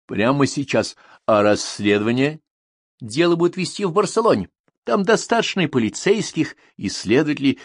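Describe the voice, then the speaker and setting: A man's voice: lowish voice, dry recording, clean studio sound. A man reading an audiobook, voicing a brusque, impatient male police commissar. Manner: brusque, commanding.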